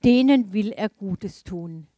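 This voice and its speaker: A woman from Germany giving a sermon, telling a personal story with laughing asides in a lively storytelling manner. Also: medium pitch, takes it slowly, dry recording. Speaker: preacher.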